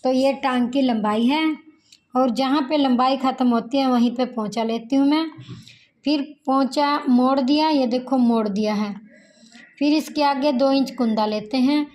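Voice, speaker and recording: A woman teaching tailoring in a slow, repetitive sewing tutorial, counting measurements aloud as she cuts fabric. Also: high-pitched, a little mellow, slight background noise, low-quality recording.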